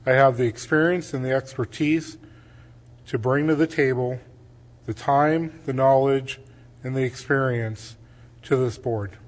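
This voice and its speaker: A man's voice: mid-range voice, steady tone, a little slow. A man giving a closing statement as a school board candidate, earnest and listing his qualifications in short phrases.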